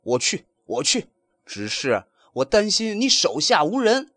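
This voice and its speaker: A man voicing a brash, cocky male monkey king who pleads and boasts in high, strained cries. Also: wildly swooping pitch, a little slow, a bit bright, dry recording, full character voice. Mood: boastful.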